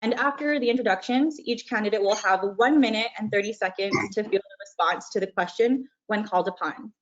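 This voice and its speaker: Woman, forum moderator, relaxed, many fillers, lo-fi audio. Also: medium pitch, a little fast. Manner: casual, filler-heavy, friendly. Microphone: video call. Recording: dull lo-fi video call audio.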